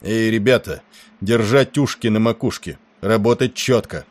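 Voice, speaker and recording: A man voicing a gruff senior naval officer. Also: on the low side, moderate pace, no room sound, voice pushed up, natural voice. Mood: brusque. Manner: gruff, barking, impatient.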